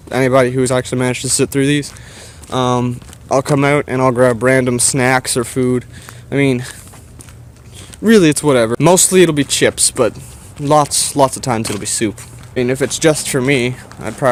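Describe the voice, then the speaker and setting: A man's voice: mid-range voice, slight background noise. A man with a Canadian accent chatting casually to his viewers in a hesitant, meandering way while out and about. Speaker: vlogger. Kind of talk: casual rambling chat to viewers.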